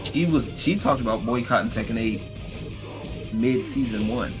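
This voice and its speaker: A man's voice: medium pitch, normal speed, music in the background. A man from Texas with an American accent, chatting casually in a hesitant, repetitive way. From Texas, United States. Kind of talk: casual chat.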